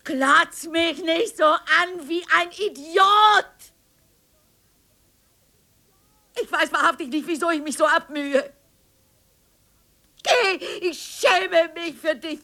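In a radio play, an actress voices a neglected wife confronting her husband, shifting from hushed whispers to tearful pleading. Her very high, exaggerated voice moves a little slowly, with long pauses.

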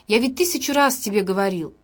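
A man's voice: high-pitched, animated, fast talker. A woman voicing a tired, short-tempered young husband who scolds angrily in a raised voice. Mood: angry. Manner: angry, scolding.

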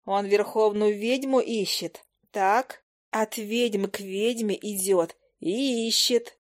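A woman's voice: mid-range voice, steady tone, slow pace, natural voice. Storybook fairy read by a woman: tiny, cheeky, blunt, nagging her friend with a raised voice.

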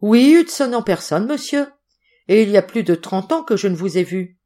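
A woman's voice: mid-range voice, expressive, moderate pace, warm tone, pitched above the performer's own voice, natural voice. A woman reading the part of a shifty, grinning older male sailor who talks with insolent familiarity.

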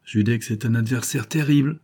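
A man's voice: mid-range voice, moderate pace, breathy edge, natural voice. A man putting on a scheming, honey-voiced adventuress. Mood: persuasive. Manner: coaxing, falsely gentle. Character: scheming female adventuress, sweet-talking and false.

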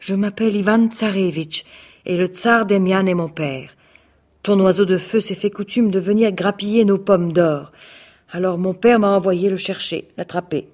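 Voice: medium pitch, normal speed, darkish tone, natural voice. A reader voicing an earnest young prince in a fairy tale, pleading and apologetic. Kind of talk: read-aloud fairy tale.

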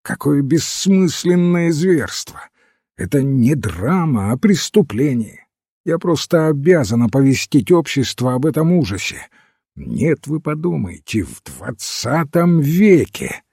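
A man's voice: mid-range voice, very animated, unhurried, vocal fry, dark tone, slightly rough, no room sound, studio quality, exaggerated voice. A man reading aloud and voicing a blustering, outraged male newspaperman who rants indignantly.

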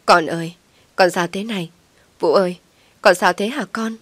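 A woman voicing a distraught middle-aged mother who pleads loudly through tears. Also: lowish voice, normal speed, dry recording. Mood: tearful pleading. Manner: tearful, loud and pleading.

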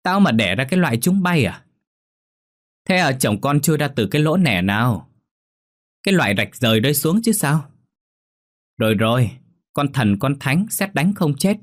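A man voicing a sharp-tongued, scolding old village mother-in-law in a storybook reading, raised in pitch above his own voice. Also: very animated, no echo, studio quality, close to an everyday voice. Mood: mocking. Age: older. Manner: scolding, abusive, rapid.

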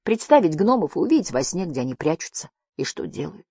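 A woman's voice: expressive, a little fast, a little mellow, slightly rough, dry recording, clean studio sound. A woman voicing a tiny, timid young female creature who speaks in a thin little voice. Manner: high, thin, frightened.

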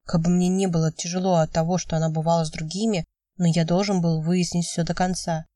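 A woman narrating an audiobook in first person with measured, steady reading. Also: fairly low pitch, dry recording, clean studio sound, far from the mic. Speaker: audiobook reader.

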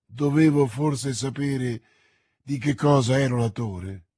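A man's voice: medium pitch, slow pace, warm tone, breathy edge. Man reading as a grim young officer. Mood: explaining. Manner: grim, resolute.

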